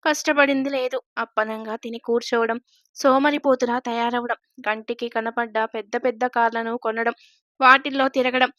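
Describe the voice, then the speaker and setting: A woman narrates a moral family story with a steady, dramatic delivery. Her voice sits somewhat high for a woman, and the recording is dry and close to the mic. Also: moderate pace, no room sound.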